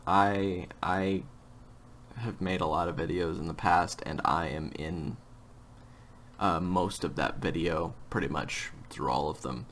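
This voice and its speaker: A man's voice: sits low, measured pace, fairly bright tone, a little hiss or hum. A man hosting a casual interview chat, speaking in a frank, blunt and emphatic way. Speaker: writer, voice actor and host of the series.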